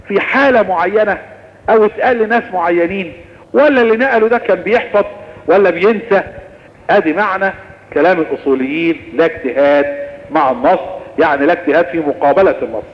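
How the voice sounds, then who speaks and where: A man with an Egyptian Arabic accent teaches Islamic law in a lively lecturing manner, his voice set high and his words tumbling out quickly. The recording is muffled and dull, with a long hall reverb trailing each phrase. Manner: lively explanatory lecturing, answering questions. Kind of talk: recorded religious lesson.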